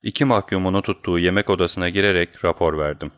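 A man reading an audiobook aloud, with a very deep, low voice. His delivery is steady and measured, telling the story at an even pace. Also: clear, resonant tone. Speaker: audiobook narrator. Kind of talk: audiobook narration.

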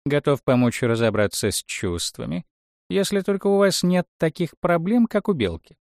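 A man voicing a know-it-all talking cat who explains problems in a smooth, lecturing way. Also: on the high side, sing-song, normal speed, darkish tone, dry recording, studio quality, pitched above the performer's own voice. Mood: explaining.

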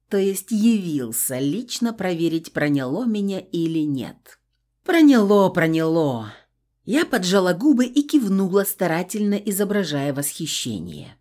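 A woman's voice: medium pitch, mellow. A woman narrating a first-person audiobook in a wry, ironic way.

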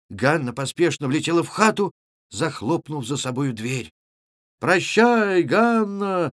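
A man's voice: medium pitch, no room sound, clean studio sound. A male actor narrating a classic story, voicing each character in turn. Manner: acts out characters with shouted lines. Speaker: actor reading a literary audiobook. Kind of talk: expressive literary narration.

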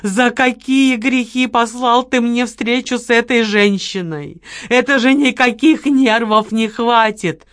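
A woman voicing a nervous, grumbling man in an audiobook, quick to lose his temper. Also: fairly low pitch, animated, no echo, studio quality, natural voice. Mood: ranting. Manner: grumbling, easily exasperated. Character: nervous, grumbling male con-man partner.

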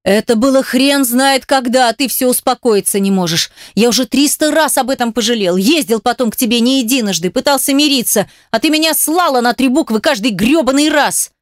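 A woman reading as a furious, jealous man hurls rough, swearing accusations at his unfaithful partner. The voice sits fairly high for a man, and the sound is close and dry, with no room around it. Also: brisk, few pauses, no room sound, close to an everyday voice.

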